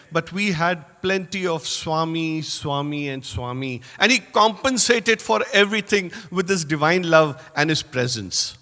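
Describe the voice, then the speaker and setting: A man in his sixties with an Indian English accent recalls his past with earnest, storytelling warmth for a gathered audience. His voice is high and bright, with a forceful edge. It rings out into a large, echoing hall. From North India. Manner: earnest storytelling, quotes himself in asides. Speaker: alumnus and former faculty speaker. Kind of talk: devotional reminiscence to an audience.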